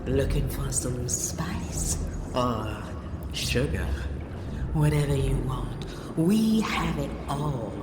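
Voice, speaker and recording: An actress playing a seductive, teasing hostess in a video game, with a breathy, drawn-out delivery. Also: female voice, rumbling low, lively intonation, heavily acted. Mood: seductive welcome. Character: sultry, teasing adult hostess of a decadent party hall. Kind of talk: video game character acting. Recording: echoey hall with loud background noise.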